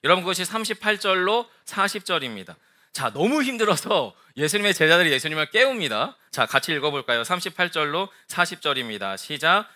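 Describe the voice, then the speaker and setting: A male pastor preaching a lively Sunday sermon, acting out the quoted voices as he tells the story. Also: fairly high pitch, brisk.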